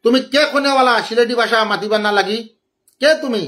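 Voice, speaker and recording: His voice is very high-pitched and sharp, and he talks quickly. This Barak Valley man, with his Sylheti Bengali accent, scolds whoever he's replying to during an indignant live-stream rant on his phone, calling out viewers by name.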